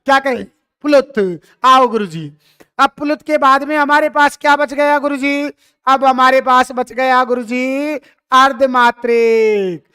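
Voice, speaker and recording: A man's voice: very high voice, unhurried, bright, forceful tone, smooth. A man teaching a lesson, who stretches his vowels and asks and answers his own questions. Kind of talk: classroom lecture.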